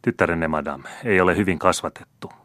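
A man's voice: deep voice, a bit bright, dry recording. A man reading an audiobook voices an arrogant, scornful young count who talks down to everyone in a careless, mocking way. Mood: careless, haughty. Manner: haughty, mocking.

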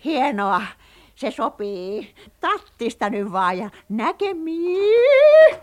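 An actress playing an excitable centuries-old witch who dotes on her cat, in a children's radio play, with a lilt. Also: sits high. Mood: giddy. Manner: giddy, boastful, bossy.

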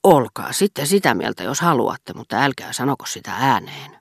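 A woman's voice: extremely low pitch, big pitch swings, creaky, husky, dry recording, clean studio sound, full character voice. A woman voicing a sour, bossy society hostess. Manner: sour, commanding, then briefly soothing. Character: imperious hostess, sharp-tongued middle-aged woman.

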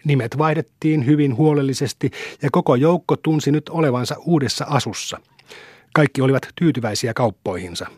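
A man narrating a classic novel in a steady, measured storytelling manner. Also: medium pitch, breathy edge, no room sound, studio quality. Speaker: audiobook reader.

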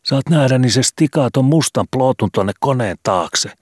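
A cheeky young street boy speaks in offhand slang, his voice pitched far up and bright, as a deep-voiced man puts him on. This is a reading of an old storybook. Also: lively intonation, husky, no echo, studio quality.

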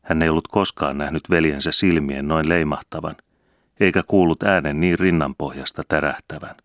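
A man reading a novel aloud as an audiobook narrator, calm and measured. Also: very deep voice, dry recording, clean studio sound. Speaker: audiobook reader.

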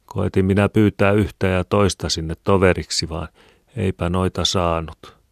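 A humble, grieving poor mother speaks with pious gratitude, as a male audiobook reader voices her. The voice sits very deep and close. The recording is dry, with no room around it. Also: steady tone, gravelly, no echo. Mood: humble sorrow. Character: poor exhausted mother, a woman pleading gratefully. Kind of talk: audiobook character reading.

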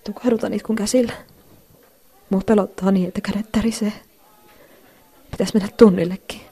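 A woman playing a bullied, anxious teenage schoolgirl who talks quietly to herself in a brooding inner monologue. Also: mid-range voice, fairly even intonation, gravelly, breathy edge. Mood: panicked.

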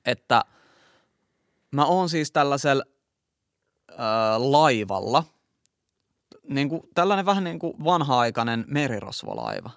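A man's voice: mid-range voice, huge pitch swings, vocal fry, pauses often, no echo, clean studio sound. A man co-hosting a casual chat podcast, reading from an article and recounting his own dreams. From Finland. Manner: reads article excerpts, then tells dreams animatedly. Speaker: podcast co-host.

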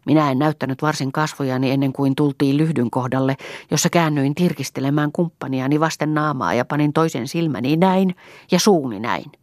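A woman reading an impulsive, talkative young village woman in an audiobook, lively and emotional. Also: low-pitched, dry recording, studio quality, close to an everyday voice. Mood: chatty. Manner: lively and chattering, quick to laugh and cry.

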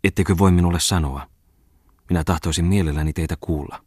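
A troubled, sensitive young woman speaks in a soft, hesitant, pleading way, as a man reads her lines aloud. The voice is husky and low. The sound is dry and close, as in a storybook reading. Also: steady tone, no room sound. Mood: distressed.

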